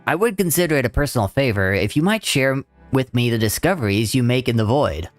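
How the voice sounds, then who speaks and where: A man's voice: animated, brisk, soft background music, natural voice. A man voicing a proud older male scholar who speaks in a lofty, old-fashioned way. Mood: earnest. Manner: lofty, old-fashioned speech, raised pitch.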